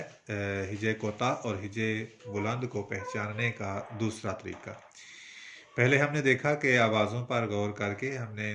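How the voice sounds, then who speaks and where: A man from Pakistan with a Punjabi accent, teaching Urdu poetry meter in a patient, explanatory way with frequent pauses. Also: fairly low pitch, fairly bright tone, slight background noise. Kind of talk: spoken lesson on Urdu verse meter.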